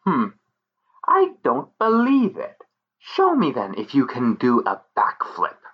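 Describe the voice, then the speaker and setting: A man voicing a small, bossy and scheming female pixie who taunts and threatens in a shrill voice. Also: wildly swooping pitch, slow pace, slightly rough, heavily acted. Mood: taunting. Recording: muffled lo-fi recording.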